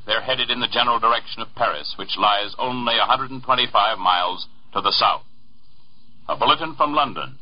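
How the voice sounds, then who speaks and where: An American man reading a wartime radio news bulletin in a formal, measured, emphatic 1940s newsreel manner, on a vintage radio recording. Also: medium pitch, dull audio. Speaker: radio newscaster.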